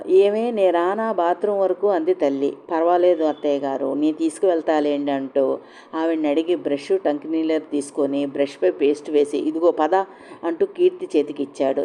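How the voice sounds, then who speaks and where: Female storyteller, lowish mellow voice, steady scripted narration, faint noise behind.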